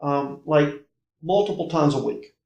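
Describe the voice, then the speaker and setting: A man from North Carolina, a podcast guest, casually tells of his personal paranormal experiences in halting, emphatic phrases with short repetitions. His fairly high voice is gravelly, a little mellow, and lively in intonation. It's an in-person conversation in an indoor room, recorded muffled, roomy and echoey.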